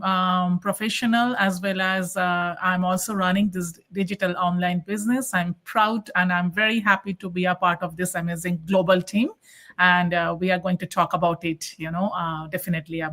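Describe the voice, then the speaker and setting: A woman's voice: on the low side, steady tone, normal speed, bright, forceful tone. A woman from Kolkata, India, introducing herself politely on a live online panel, with frequent fillers. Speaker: panel guest.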